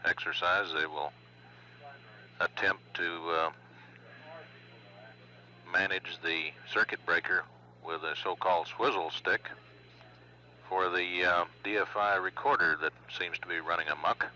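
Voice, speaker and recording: A man giving formal, measured spaceflight status commentary as a mission control announcer, with hesitant pauses. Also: deep voice, steady tone, pushed and bright. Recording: dull lo-fi broadcast, faint hum.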